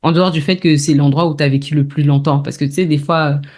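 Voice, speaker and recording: A woman hosting a casual interview podcast, encouraging and quick to respond with backchannels. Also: deep voice, steady tone, a little mellow. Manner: encouraging, frequent backchannels and laughter. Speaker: podcast host.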